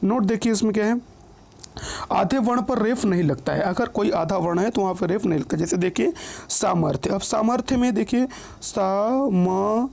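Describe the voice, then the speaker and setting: Male teacher, patient and repetitive, warm gravelly voice, keeps checking in with viewers. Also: sits high. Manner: patient, repeats each word and rule slowly; often checks in with listeners. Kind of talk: online grammar lesson.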